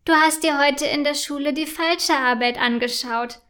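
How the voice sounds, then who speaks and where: A woman voicing a caring mother in a children's storybook, soft and reassuring. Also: high voice, normal speed. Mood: amused. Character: caring, gentle mother of a schoolgirl.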